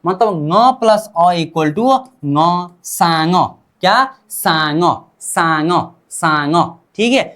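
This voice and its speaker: A woman teaching a language class, repeating sounds and asking and answering her own questions. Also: mid-range voice. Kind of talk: classroom-style language lesson.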